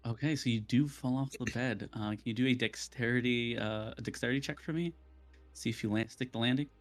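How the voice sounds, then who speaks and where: A man's voice: mid-range voice, brisk, faint music behind. Playful man running a tabletop game. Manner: playful, teasing, laughs often. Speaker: game master. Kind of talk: narrating a tabletop game over voice chat.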